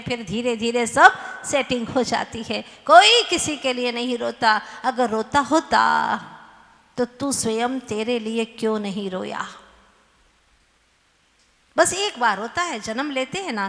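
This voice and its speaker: A woman's voice: fairly high pitch, fairly bright tone. A woman nun giving a sermon in an earnest storytelling manner, with rhetorical questions. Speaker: Jain nun preacher. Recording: long hall reverb.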